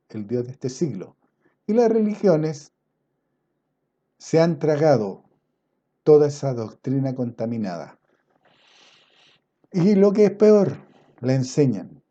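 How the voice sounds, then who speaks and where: Man, preacher, sermon, loud emphatic bursts and quiet asides, dull lo-fi recording. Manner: swings between loud emphatic passages and low quiet asides; quotes scripture in a slow, drawn-out cadence.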